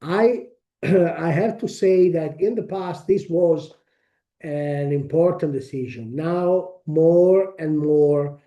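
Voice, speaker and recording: A man with a strong Italian accent presenting a technical webinar, speaking haltingly with frequent pauses and restarts. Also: on the high side, mellow, dull audio. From Italy. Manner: halting, many fillers and restarts.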